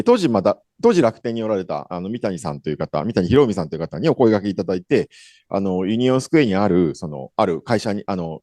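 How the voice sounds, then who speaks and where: Chatty animated man hosting a conference. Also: on the low side, no room sound, studio quality. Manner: chatty, rambling with many fillers and self-corrections. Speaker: event host. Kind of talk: casual conference introduction. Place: conference hall.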